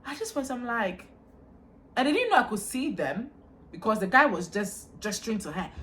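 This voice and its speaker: A woman's voice: a little high, normal speed, a little hiss or hum. A young woman vlogger telling a story about her own life, acting out the voices of the people in it. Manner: animated, acts out quoted lines. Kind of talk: storytime vlog.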